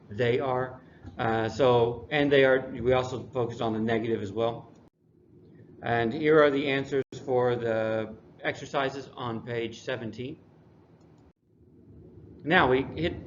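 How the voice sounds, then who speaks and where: Relaxed male English teacher, lo-fi. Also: medium pitch. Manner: relaxed, dry classroom humor. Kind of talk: recorded lesson review. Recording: dull lo-fi recording, faint noise.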